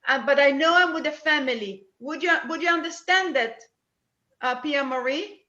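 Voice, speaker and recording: High, bright-voiced woman medium. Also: reverberant, muffled recording. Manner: halting, with many restarts and fillers. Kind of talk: spirit mediumship demonstration.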